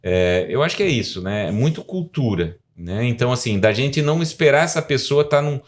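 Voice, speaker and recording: Brazilian man, 40s, podcast guest professor, talkative and explanatory, mid-pitched voice. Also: lively intonation, fairly quick. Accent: Brazilian Portuguese. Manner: explanatory, rambling, frequent tag questions. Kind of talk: podcast interview.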